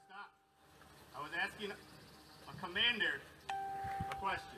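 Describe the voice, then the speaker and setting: A man's voice: sits high, a little slow, breathy edge, faint music behind, poor audio. A man working as a police officer, patiently and firmly negotiating and trying to read out a warrant. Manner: patient, firm, tries to calm things.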